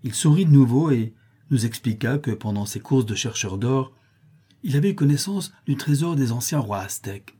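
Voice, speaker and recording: A man narrating a novel in a measured, even reading. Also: mid-range voice, husky. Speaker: audiobook narrator.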